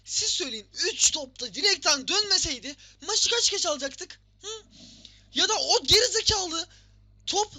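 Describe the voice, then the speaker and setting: A man commentating his own football video game match, shouting, groaning and swearing at the game. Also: very high voice, expressive, moderate pace. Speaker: gaming video host.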